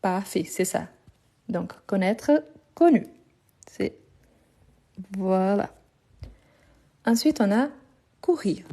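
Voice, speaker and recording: A woman teaching a live online lesson on her phone, slowly repeating each verb and confirming her students' answers with patient approval. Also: mid-range voice, animated, warm tone. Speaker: French teacher.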